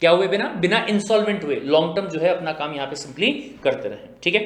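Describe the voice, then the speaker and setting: A man teaches a recorded exam-prep lecture. His voice sits high, and the room adds a strong echo. He asks his own questions, answers them himself, and drops into slow, careful reading for the English passages. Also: expressive. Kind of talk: recorded lecture explaining a textbook. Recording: echoey room.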